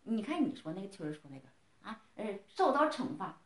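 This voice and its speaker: A woman's voice: medium pitch, sing-song, a little fast, echoey room. A middle-aged woman scolding someone in a heated family argument, lecturing and firing off repeated questions.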